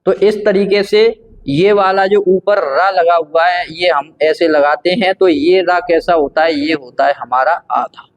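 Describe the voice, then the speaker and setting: Male teacher, high-pitched, patient and repetitive, walking through a grammar lesson. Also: a little slow. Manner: patient, repetitive, asks and answers his own questions. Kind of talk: grammar lesson explaining at a board.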